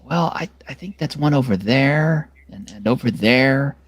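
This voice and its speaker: A man running a tabletop game as game master, with a lively, swooping pitch. He narrates hesitantly, stopping and restarting, and his voice sounds dry and close. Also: no echo. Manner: hesitant, halting narration with fillers.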